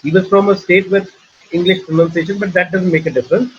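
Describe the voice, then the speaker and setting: A middle-aged Indian man leads a webinar in an earnest, advisory way, restarting and repeating his points. His voice sits high for a man and sounds husky. It comes through muffled online call audio. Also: fairly even intonation, fast talker. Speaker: webinar host and trainer. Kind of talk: casual teaching talk in a webinar. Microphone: video call.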